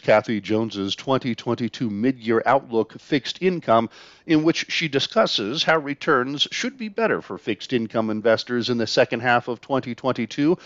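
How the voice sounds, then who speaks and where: A man's voice: mid-range voice, dry recording. Man reading market news, slightly dull audio. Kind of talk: scripted financial market news narration.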